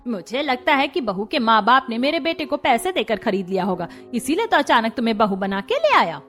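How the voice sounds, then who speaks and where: A woman voicing a scornful, sharp-tongued middle-aged mother-in-law in a cartoon story. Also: a little high, very animated, fairly quick, faint music behind. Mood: mocking.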